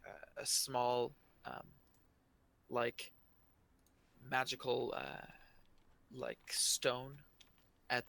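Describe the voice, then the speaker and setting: A man narrating as game master of a tabletop game, in a halting, hesitant way. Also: medium pitch, gravelly, pushed and bright.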